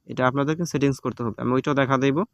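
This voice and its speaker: A man's voice: medium pitch, steady tone, quick pace, no room sound. A man with a Bangladeshi Bengali accent giving a casual step-by-step app tutorial, patient and repetitive, with many fillers. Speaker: tutorial host. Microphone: phone recording.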